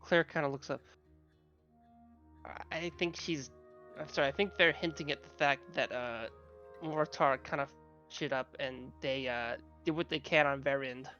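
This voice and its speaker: A man's voice: medium pitch, normal speed, pushed and bright, lo-fi sound, soft background music. A man running a tabletop game as game master, talking casually with stammers.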